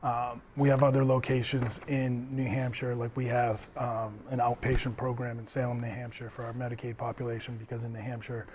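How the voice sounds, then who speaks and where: A man's voice: medium pitch, flat delivery, a little fast, few pauses, darkish tone, slight background noise. A man with a Boston accent, earnest and conversational, speaking on a community panel as a treatment center representative. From Lynn, Massachusetts. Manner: earnest, conversational, speaks from personal recovery experience. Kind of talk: panel discussion.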